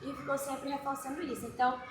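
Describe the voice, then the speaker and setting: A woman's voice: high-pitched, flat delivery, quick pace, a crowd in the background. A mother telling a chatty personal story about her child at a parents' talk. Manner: chatty, anecdotal. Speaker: parent sharing experience. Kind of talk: casual storytelling. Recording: roomy mic with clear background noise.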